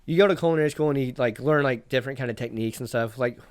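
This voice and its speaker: A young man, a private chef, chatting casually on a podcast in a relaxed, rambling way full of fillers. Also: medium pitch, racing, clean tone, no room sound. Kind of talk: casual interview chat.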